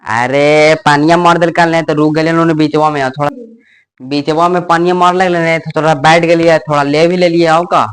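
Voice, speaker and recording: A man's voice: fairly high pitch, fairly even intonation, fairly quick, clear, resonant tone, natural voice. A man playing a pushy village man in a rustic comedy skit, with a Magahi accent from Bihar. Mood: complaining. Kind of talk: rural comedy skit dialogue.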